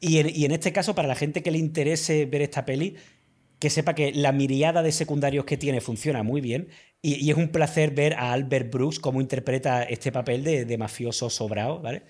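A man's voice: mid-range voice, steady tone, normal speed, darkish tone. A man, chatting casually and enthusiastically about films as a podcast co-host, full of slang. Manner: enthusiastic, uses slang and filler words. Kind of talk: casual film discussion.

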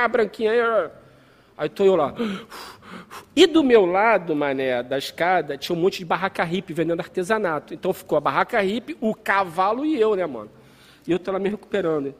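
A young man tells a story with a very high voice and a rapid pace. He acts out voices and sounds as he goes, under a long reverb. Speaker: podcast storyteller. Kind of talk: casual storytelling chat.

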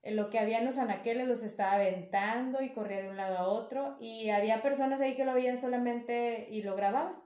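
Higher-voiced northern Mexican woman, casual podcast. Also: quick pace, hardly any pauses, warm tone. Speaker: podcast co-host. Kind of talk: casual conversational chat. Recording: roomy echo, faint music.

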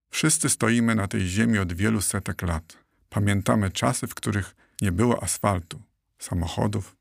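A slow, rambling old oak tree from a children's audiobook, put on by a man reading. The voice sits low and gravelly, unhurried, fond of the sound of its own long lists. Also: no echo, clean studio sound. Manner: slow, rambling, listing names at length.

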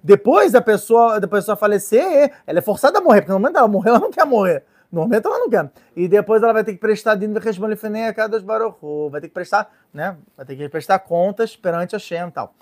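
Lively Brazilian man teaching Torah. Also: sits high, quick pace, hardly any pauses. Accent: Brazilian Portuguese. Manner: lively and joking, acts out little voices. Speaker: rabbi teaching a Torah class. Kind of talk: informal Torah lesson.

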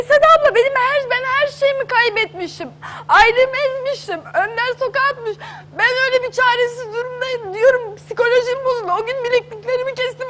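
Tearful young woman pleading fast. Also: extremely high pitch, noisy background. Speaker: guest on a daytime talk show. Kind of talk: emotional testimony.

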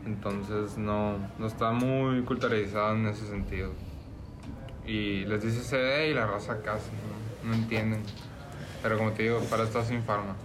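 A man with a Mexican accent making a casual, slangy sales pitch like a laid-back bro, as a podcast guest. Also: fairly even intonation, normal speed. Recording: noticeable background room noise.

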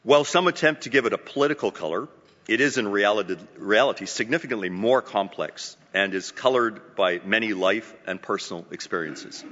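Grand, low-voiced male announcer in a hall. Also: fairly quick, fairly bright tone. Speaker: club president hosting a luncheon event. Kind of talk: formal speech introducing a public event. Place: hotel meeting hall. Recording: muffled microphone in a reverberant hall.

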